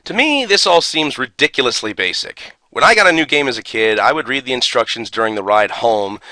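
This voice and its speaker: A man speaks at a medium pitch in an animated, brisk and sharp way, recorded with no room sound. He's a video game YouTuber reading from a booklet and ranting, full of opinion, sarcasm and exasperation, with heavy emphasis.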